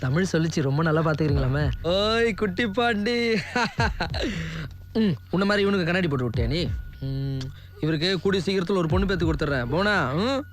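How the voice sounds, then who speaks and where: An actor playing a cheerful young village man back home, greeting family and friends in a warm, teasing way. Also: a little high, lively intonation, fairly quick, lightly acted. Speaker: lead character. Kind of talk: film drama acting.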